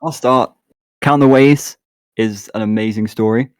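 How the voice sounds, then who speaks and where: A man's voice: lowish voice, fairly even intonation, unhurried, no room sound. A man co-hosting a podcast in casual chat, enthusiastic and often restarting his sentences. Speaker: podcast co-host.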